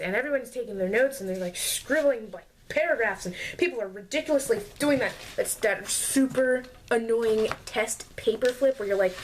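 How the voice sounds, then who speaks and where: Young woman ranting, slightly high voice. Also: background noise. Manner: exasperated, sarcastic, mocks classmates in put-on voices. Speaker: vlogger. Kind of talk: casual storytime rant.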